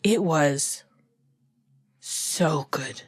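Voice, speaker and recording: A woman's voice: deep voice, very slow, breathy edge, no room sound, studio quality. A woman hosting a casual book podcast, rambling and correcting herself as she talks. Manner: rambling, restarts and self-corrections. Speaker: podcast host. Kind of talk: casual chat about books.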